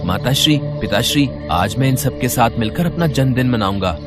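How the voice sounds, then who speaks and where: A man's voice: mid-range voice, lively intonation, normal speed, close to an everyday voice. A man voicing the young god Ganesha as an eager, cheerful boy in a storybook tale. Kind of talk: storybook voice acting. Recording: music playing behind.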